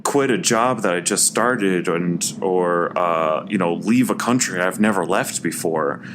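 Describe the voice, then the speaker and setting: A man co-hosting a casual podcast, telling a personal story in an animated, rambling way, with restarts and some swearing. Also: low-pitched, a little slow, noisy background. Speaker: podcast co-host.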